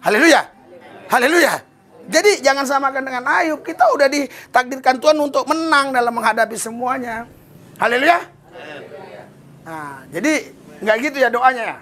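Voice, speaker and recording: A male pastor preaching a lively sermon to a church congregation, often laughing and slipping into playful voices to act out prayers. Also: extremely high pitch, normal speed, long pauses.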